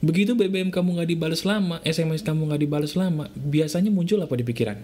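Motivational man with a mellow voice. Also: fairly high pitch, quick pace. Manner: addresses listener directly with rhetorical questions. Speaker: motivational speaker. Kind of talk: motivational talk.

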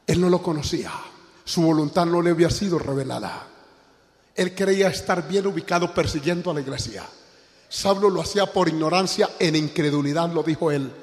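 An older man preaches a sermon with fervor, his somewhat high voice leaping from loud exclamations down to low, weighty phrases. The sound carries a long reverb, as in a large hall. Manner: impassioned preaching, swings from loud exclamations to low emphatic tones. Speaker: pastor.

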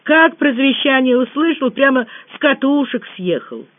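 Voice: high-pitched, lively intonation, moderate pace, no echo, pitched above the performer's own voice. An audiobook reader voicing a dramatic young woman who talks tearfully and exclaims, over a tinny phone-like sound.

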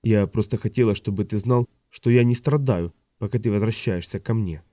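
A man reading an audiobook, voicing a middle-aged noblewoman who is sharp-tongued but tender, speaking softly and quietly with occasional rises in pitch. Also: normal speed, no room sound, close to an everyday voice.

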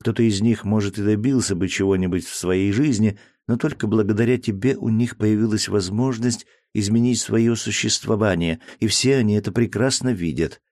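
A man reading a storybook voicing a gentle, loving young woman who speaks softly and coaxingly, with a slightly raised voice. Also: lowish voice, moderate pace, hardly any pauses, dry recording, clean studio sound, pitched above the performer's own voice, natural voice. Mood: reassuring. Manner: soft, tender, coaxing.

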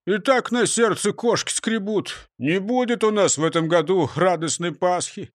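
A man's voice: sits high, normal speed, no room sound, clean studio sound, close to an everyday voice. A man reading a storybook and voicing a greedy, cowardly male robber who whines and frets. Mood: glum. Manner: whiny and fearful.

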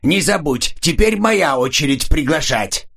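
A male audiobook narrator voicing a loud, cheerful man calling out goodbyes in the street. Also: on the high side, animated, measured pace, vocal fry, breathy edge, pitched above the performer's own voice, full character voice. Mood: jolly. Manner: hearty, boisterous, loud. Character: jolly loud tipsy man saying goodbye. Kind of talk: audiobook character reading.

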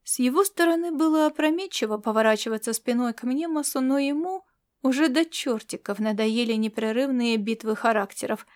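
A woman narrating an audiobook in a slow, measured reading. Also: a little high.

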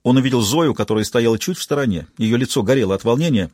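Man narrating audiobook, husky voice, dry close sound, steady even delivery. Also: mid-range voice, fast talker, dry recording. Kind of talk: scripted narration.

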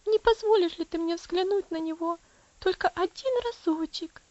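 Woman doing a high teary little girl begging her dad, dull dry recording. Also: moderate pace, dark tone, no room sound. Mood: pleading. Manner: high, pleading, tearful. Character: pleading tearful little girl Elsie.

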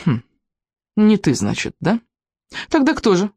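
A reader voicing a fat, angry, bossy shop saleswoman who scolds in a high, shrill voice in an audiobook. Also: huge pitch swings, a little slow, darkish tone, slightly rough, no room sound, full character voice. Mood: scolding. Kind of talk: audiobook character voice.

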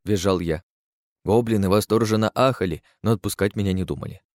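Man, low pitch, dry recording, sardonic, first-person audiobook narration. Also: a little fast, a little mellow, no echo. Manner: sardonic and crude.

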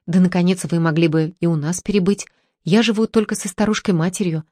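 A woman's voice: a little fast, mellow, dry recording, clean studio sound, lightly acted. Woman doing resolute young daughter. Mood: determined. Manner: firm, resolute, raised pitch.

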